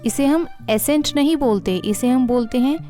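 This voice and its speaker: A woman with an Indian accent teaching English pronunciation, repeating each word slowly and clearly and switching between Hindi and English. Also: sits high, dark tone, faint music behind. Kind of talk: pronunciation lesson.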